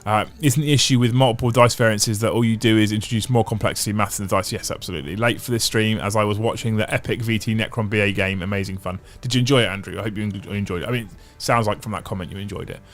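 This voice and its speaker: Hosting a laid-back livestream, a man reads viewer comments aloud and chats in long, nearly pauseless stretches at a quick pace. His voice is fairly low with a steady tone. He thinks out loud, often restarting and repeating himself.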